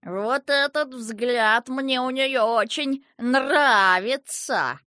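A woman's voice: high-pitched, drawn-out words, no room sound, studio quality, voice pushed up, heavily acted. Woman voicing a grumpy old river king. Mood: coaxing. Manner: gruff, grumbling, shouting when angry. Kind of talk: audiobook character voice.

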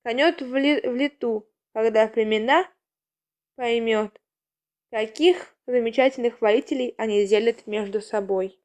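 A woman voicing a tired mother cat in a storybook, speaking quietly and tenderly. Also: a little high, a little slow, close to an everyday voice.

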